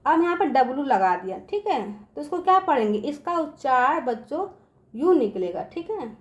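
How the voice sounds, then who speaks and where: This is a woman teaching a beginners' English lesson in a high, light voice. She explains letter sounds step by step and keeps checking that the children are following. When she spells a word, she slows down and draws out each sound. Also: sing-song, highs cut off. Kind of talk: classroom-style lesson explaining phonics rules.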